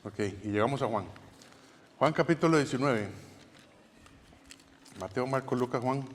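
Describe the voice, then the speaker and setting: A man's voice: medium pitch, a little slow, a little hiss or hum. A man preaching a sermon as pastor, in a conversational way with frequent restarts and tag questions. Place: church sanctuary. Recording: church hall with long reverb.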